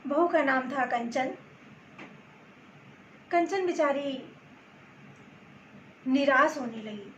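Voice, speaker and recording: A woman telling a story to her channel's viewers in gentle, halting phrases, with roomy echo and faint background noise. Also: sits high, expressive, highs cut off. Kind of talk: storytelling narration.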